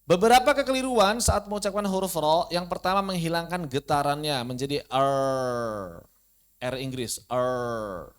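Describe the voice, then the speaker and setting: A man with an Indonesian accent teaching Quran recitation online, repeating syllables loudly to demonstrate each sound. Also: high-pitched, brisk. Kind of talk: online tajwid lesson.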